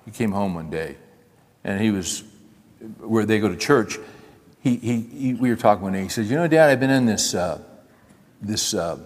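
An older man preaching a sermon, folksy and animated, acting out little dialogues and talking straight to his listeners. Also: fairly low pitch. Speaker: pastor. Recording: long hall reverb.

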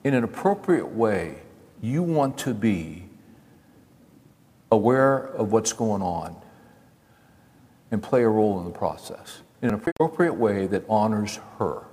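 An older man preaching a sermon, folksy and animated, acting out little dialogues and talking straight to his listeners. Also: fairly low pitch, unhurried, long pauses. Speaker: pastor. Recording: long hall reverb.

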